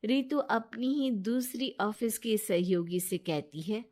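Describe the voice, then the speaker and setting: Woman telling a bedtime story quietly. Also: mid-range voice, takes it slowly. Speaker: narrator. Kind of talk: storybook narration.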